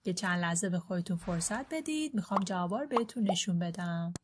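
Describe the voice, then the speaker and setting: A woman teaching a beginner English lesson. She reads the English examples slowly and clearly, then explains quickly in Persian. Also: lowish voice, expressive, noisy background. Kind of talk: language lesson.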